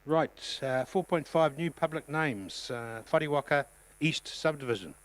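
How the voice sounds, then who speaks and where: A man who chairs a local council meeting as mayor. He has a New Zealand accent, talks in a relaxed way with many ums, and speaks up when he calls the votes. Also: on the high side, a little slow, low-quality recording.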